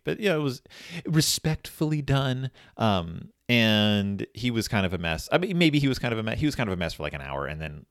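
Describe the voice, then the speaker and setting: A man's voice: sits low, no echo, studio quality. A man in his forties, reviewing a book in a casual chat and telling a rambling story, correcting himself as he goes. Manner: rambling, self-correcting, animated.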